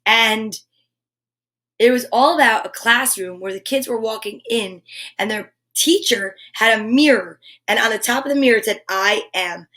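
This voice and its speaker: Hosting a live story time for kids, a woman speaks at normal speed in a high, sharp voice. She alternates between reading aloud and chatty asides, effusively encouraging her young audience and speaking to them playfully.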